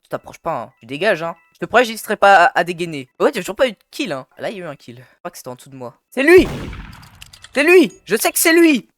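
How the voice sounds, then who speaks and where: A man's voice: on the high side, very animated, racing, hardly any pauses, a bit bright, no echo. A young man giving casual, playful gameplay commentary, teasing and slangy, talking straight to his viewers. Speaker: gaming YouTuber. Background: faint background music.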